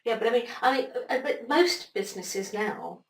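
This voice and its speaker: A woman explaining ideas as an interview guest, animated and acting out little inner voices as she talks. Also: fairly high pitch, moderate pace. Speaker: interview guest, brain expert. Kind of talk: conversational interview. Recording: roomy, distant mic, faint noise.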